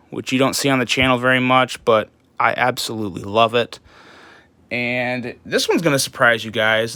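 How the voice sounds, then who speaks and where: A man's voice: medium pitch, sharp tone, no echo. A man giving a casual, enthusiastic knife review, rambling with fillers and restarts, his early-morning voice tripping over words.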